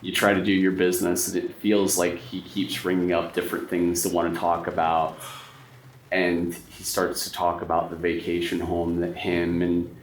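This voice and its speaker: Running a tabletop horror game, the game master describes scenes informally in a deep voice with a completely flat delivery at a moderate pace. Background noise and a roomy echo fill the recording.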